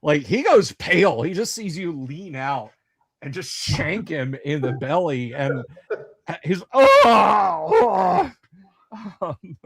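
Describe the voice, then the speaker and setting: A man's voice: a little high, lively intonation, a little slow. A man running a tabletop game as game master, narrating and ruling in a playful, theatrical, improvised way.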